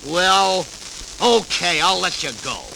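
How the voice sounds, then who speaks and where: A man voices a grumpy, scheming cartoon cat on a vintage children's 78rpm record with music and background noise. His exaggerated voice is high-pitched, slow, and gravelly, with a slobbery lisp and blustery, exclamatory delivery, sounding sly and doubtful.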